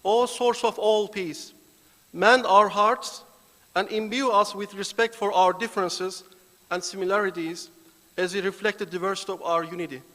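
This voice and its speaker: High-voiced man praying solemnly in a hall. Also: steady tone, fairly bright tone. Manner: solemn, deliberate invocation. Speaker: foundation volunteer giving the opening prayer. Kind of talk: formal prayer and address. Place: large banquet hall. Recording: reverberant hall.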